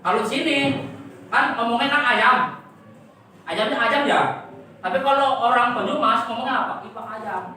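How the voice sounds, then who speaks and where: A woman's voice: fairly high pitch, normal speed, long pauses, bright, forceful tone, slight background noise. A woman teacher giving a classroom lesson, quizzing and coaxing her pupils with repeated questions. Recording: echoey classroom from far off.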